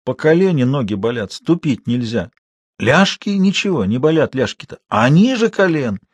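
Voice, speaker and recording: A worn-out old peasant man in his eighties barks short grumbling orders. A male narrator puts him on for an audiobook, the voice husky and dry. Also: mid-range voice, very animated, normal speed, dry recording, voice pushed up. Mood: mournful. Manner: curt, commanding, grumbling.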